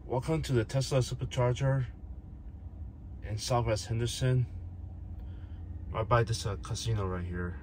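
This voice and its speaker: A man's voice: mid-range voice, normal speed, pauses often. Guy talking through his road trip in the car, easygoing, road noise all around. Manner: chatty, thinking aloud with fillers. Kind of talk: casual driving commentary. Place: inside a moving car.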